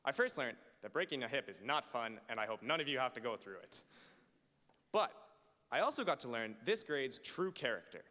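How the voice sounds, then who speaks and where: A man in his late teens giving an emphatic, deliberate graduation speech as valedictorian at a podium microphone in a large auditorium. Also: medium pitch, big pitch swings, sharp tone. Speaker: high school valedictorian. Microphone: podium microphone on a stand. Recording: reverberant hall through PA microphone.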